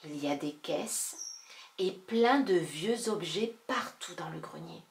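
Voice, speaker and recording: Slow gentle woman reading a children's story. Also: expressive, echoey room. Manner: slow, gentle, voices the children with lifted pitch.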